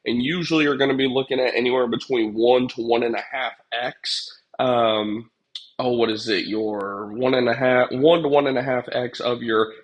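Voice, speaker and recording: A young livestream host with a pest control business chats casually with his viewers in a muffled recording. His congested mid-range voice holds a steady tone at a moderate pace while he rambles through plenty of fillers.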